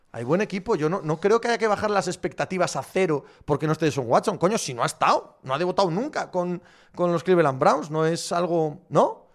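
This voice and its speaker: A man with a fairly high-pitched voice hosts a relaxed chat, reading viewer messages aloud. His replies are blunt and sardonic. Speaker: host answering viewer questions. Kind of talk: casual chat.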